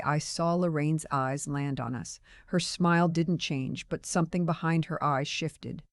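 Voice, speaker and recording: A woman in her sixties telling her own story in scripted first-person narration, calm and understated. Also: deep voice, no room sound, clean studio sound. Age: 60s.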